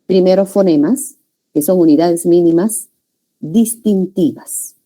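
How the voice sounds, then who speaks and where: A woman's voice: lowish voice, lively intonation, measured pace, mellow. A woman from Peru, lecturing a class on linguistics, explaining patiently and checking in with frequent tag questions. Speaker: teacher.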